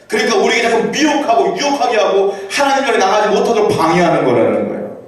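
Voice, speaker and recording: Male pastor, high voice, conversational preaching with rhetorical questions, scripture read slowly, heard from a distance in a very echoey church hall. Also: lively intonation. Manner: reads scripture aloud slowly and deliberately. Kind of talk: sermon. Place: church sanctuary.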